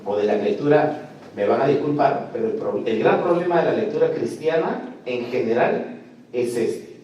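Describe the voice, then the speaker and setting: A man's voice: mid-range voice, animated, moderate pace, dark tone, dull audio. Lecturing man in an echoey hall. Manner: emphatic, asks the class rhetorical questions. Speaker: lecturer on biblical texts. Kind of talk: classroom lecture. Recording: echoey room, distant mic, faint noise.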